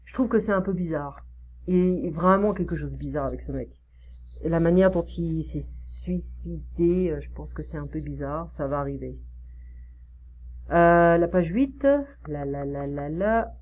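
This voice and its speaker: A French woman tutoring French one-on-one, explaining slowly with many fillers and modelling pronunciation. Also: low-pitched, a little mellow. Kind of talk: one-on-one online French lesson.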